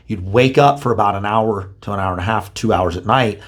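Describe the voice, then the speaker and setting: A laid-back man chatting on a podcast with a very low voice. He swears casually and rambles as he explains things, in plain easygoing talk. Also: fairly quick. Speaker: podcast co-host. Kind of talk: casual chat.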